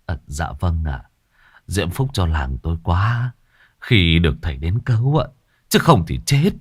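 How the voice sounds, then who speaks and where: A man's voice: low voice, big pitch swings, measured pace, slightly rough, exaggerated voice. A man voicing a humble older village chief who speaks deferentially and pleads for help. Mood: grateful.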